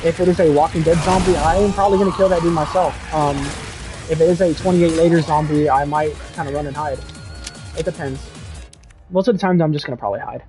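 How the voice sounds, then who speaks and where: A young man streaming casually, reading chat and rambling excitably with lots of "dude" and "bro". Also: fairly high pitch, fast, soft background music.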